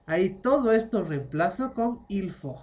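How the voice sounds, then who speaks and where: Mujer, clase de idiomas en línea, tono pausado, mezcla frases en francés, verifica constantemente con preguntas cortas. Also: female voice, medium pitch, expressive, a little mellow. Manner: checks understanding with constant short tag questions; explains patiently, mixing French phrases into Spanish. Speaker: French teacher. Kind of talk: online language class.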